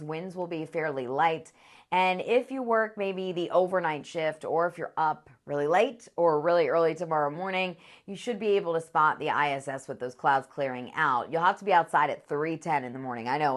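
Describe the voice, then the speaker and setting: A woman's voice: deep voice, normal speed, a bit bright. A woman presenting a TV weather forecast in a conversational, upbeat way. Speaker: meteorologist.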